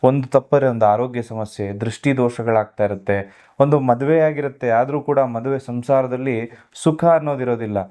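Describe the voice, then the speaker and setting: A man's voice: mid-range voice, moderate pace, mellow. A man, an astrologer guest giving earnest, instructive advice on remedies in an interview. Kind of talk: advisory explanation of remedies.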